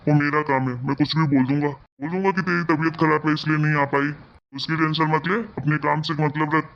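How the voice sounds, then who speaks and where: A man's voice: fairly high pitch, fairly even intonation, a little fast, vocal fry, lo-fi sound, a little hiss or hum. A man voicing a harsh, bullying old father-in-law. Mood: scolding. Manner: harsh, scolding, domineering. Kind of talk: cartoon voice acting.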